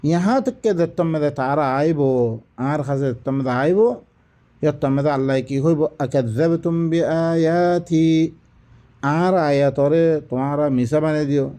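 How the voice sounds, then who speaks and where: A man's voice: fairly high pitch, measured pace, mellow. A man giving a religious lesson, explaining recited verses didactically with repeated phrases and rhetorical questions. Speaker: Quran teacher. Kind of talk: Quran exegesis, recited verses then explained.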